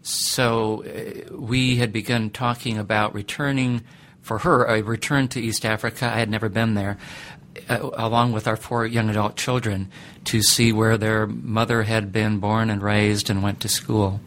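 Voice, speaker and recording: A middle-aged man who teaches ethics, answering interview questions in a thoughtful, deliberate way with many pauses. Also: on the low side, level tone, a bit bright, a little hiss or hum.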